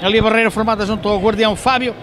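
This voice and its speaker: Male futsal commentator, high voice, hesitant live play-by-play with self-corrections, recorded in a noisy sports hall. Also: steady tone, rapid-fire. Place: indoor sports hall during a match. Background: gym noise, ball bounces.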